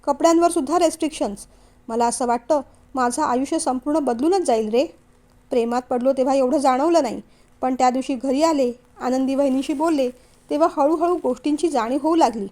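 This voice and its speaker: A woman's voice: sits high, a little fast, warm tone, close to an everyday voice. A woman reading a frank young woman's worried lines in a family novel. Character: young woman, outspoken, anxious bride-to-be.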